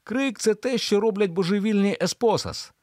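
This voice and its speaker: A man voicing a menacing man who speaks in a smooth, apologetic, persuasive tone to hide his threat. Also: high-pitched, a little fast, darkish tone, no room sound, clean studio sound, pitched above the performer's own voice, natural voice. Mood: reassuring. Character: menacing man feigning calm apologetic charm.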